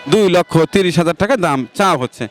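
A man's voice: high-pitched, fast, faint music behind. A Bangladeshi man working as a field reporter in an outdoor market, questioning sellers and repeating their answers back for viewers. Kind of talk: on-location market interview for viewers. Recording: busy outdoor market crowd noise.

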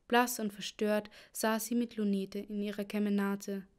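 A woman narrating a children's storybook in a steady, even reading style. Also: mid-range voice. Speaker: audiobook narrator.

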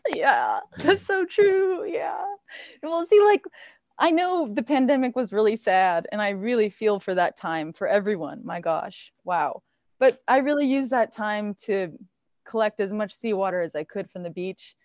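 Chatty thirtysomething woman scientist, animated, dull dry call audio. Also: medium pitch, unhurried, no room sound. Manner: animated, laughs often, many fillers. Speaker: marine researcher guest speaker. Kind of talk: casual Q&A on a video call. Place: small indoor lab room. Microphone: wired earbuds on a video call.

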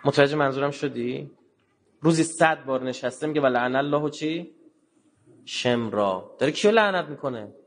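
A man giving a religious lecture in a colloquial way, telling stories and acting out the dialogue, with sudden low, quiet asides. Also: lively intonation, pauses often, slight background noise. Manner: colloquial, acts out dialogue in quotes.

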